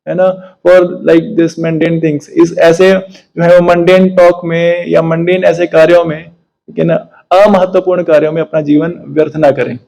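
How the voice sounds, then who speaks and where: A man's voice: fairly high pitch, level tone, unhurried, creaky, a little mellow, poor audio. A man giving a spiritual discourse on scripture, explaining by asking questions and retelling stories, with frequent tag questions and English phrases. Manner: mixes English phrases into Hindi. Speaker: spiritual teacher.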